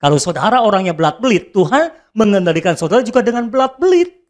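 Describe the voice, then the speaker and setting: A man preaching a sermon as a pastor, swinging between loud high calls and soft low asides. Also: sing-song, fast.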